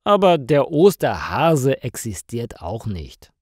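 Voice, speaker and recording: A man reading a story aloud slowly and clearly for language learners, in a scripted narration style. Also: mid-range voice, very animated, no echo, clean studio sound. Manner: slow, clearly articulated reading.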